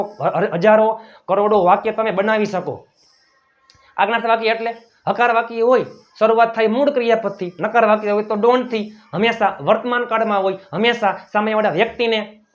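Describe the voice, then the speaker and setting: A high-pitched man with a Gujarati accent runs a spoken English lesson. He drills short phrases, saying each one more than once. The sound is dull and muffled. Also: moderate pace. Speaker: English teacher.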